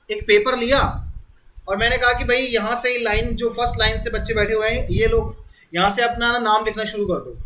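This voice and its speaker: A reasoning teacher from India gives an exam-prep lecture, working step by step and going back over key words. He has a high voice, pushed and bright, and the low-quality recording has a little hiss or hum.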